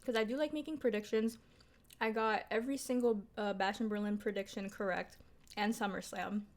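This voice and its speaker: Her medium-pitched voice is steady and brisk. She's a young woman doing a casual mukbang vlog, talking informally to viewers over her meal with lots of fillers and light profanity.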